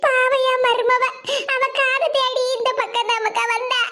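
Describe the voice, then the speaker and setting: A woman doing a shrill wailing old grandmother. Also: flat delivery, measured pace, bright, forceful tone, full character voice. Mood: tearful. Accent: Kanyakumari Tamil. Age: over 70 (figure). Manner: lamenting, self-blaming. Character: grieving old village grandmother, fretful. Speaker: cartoon voice. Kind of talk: animated comedy voice acting.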